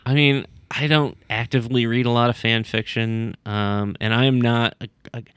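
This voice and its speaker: A man's voice: mid-range voice, little pitch movement, normal speed, a bit bright, clean tone, no room sound. A man guesting on a casual podcast, rambling with many ums and likes and now and then slipping into silly voices.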